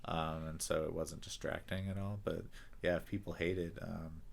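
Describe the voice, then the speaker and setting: Deep-voiced laid-back male reviewer. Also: flat delivery, normal speed, vocal fry. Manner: laid-back, swears casually, hesitant restarts. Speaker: co-host of a movie review show. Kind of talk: casual conversational film review.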